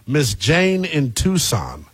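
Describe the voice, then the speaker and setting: A man's voice: mid-range voice, huge pitch swings, slow pace, a bit bright, breathy edge, no echo. A man hosting sports talk radio, colloquial and emphatic, repeating phrases to drive his points home. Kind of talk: sports talk monologue and caller chat. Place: radio studio.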